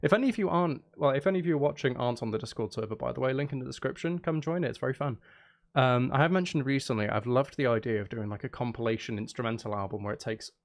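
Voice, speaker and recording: Fast and gravelly, a man with a mid-range voice livestreams while he works on music and games. He jokes around with viewers in a rambling manner, breaking off mid-thought and repeating phrases.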